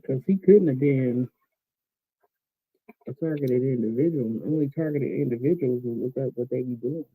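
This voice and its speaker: A man's voice: mid-range voice, normal speed, breathy edge, no room sound, phone-quality sound. An American man in a casual, rambling vlog monologue, talking with his mouth full, colloquial and unguarded, often trailing off. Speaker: vlogger.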